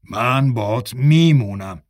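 Brief: gruff defiant loyal friend, insistent, read by a man. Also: mid-range voice, animated, no echo, studio quality. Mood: stubborn. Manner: stubborn, insistent.

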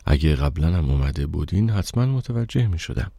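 A man reading the part of a reserved, brooding German musician in an audiobook, speaking low and terse. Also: expressive, gravelly, mellow, no room sound, exaggerated voice. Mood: distracted, insistent.

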